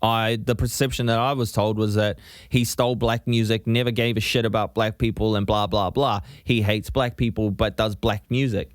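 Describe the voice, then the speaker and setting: A New Zealand man with a fairly low voice co-hosts a podcast, chatting casually and animatedly at a normal pace. He swears freely and keeps saying "you know what I mean." The recording is dry and studio quality.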